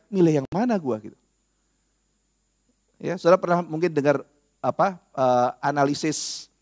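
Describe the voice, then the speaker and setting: A man giving a casual, animated classroom lecture on apologetics, talking straight to his listeners. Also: fairly high pitch. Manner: animated, conversational, addresses listeners directly.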